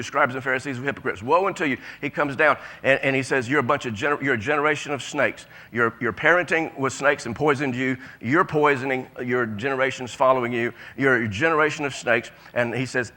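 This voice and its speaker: A man's voice: medium pitch, bright, forceful tone. Emphatic folksy preacher man. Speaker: pastor. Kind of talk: sermon.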